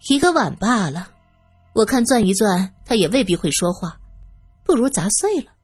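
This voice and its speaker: A woman's voice: mid-range voice, very animated, moderate pace, darkish tone, husky, dry recording, soft background music. A woman doing a suspicious, domineering woman. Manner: probing, doubtful, commanding.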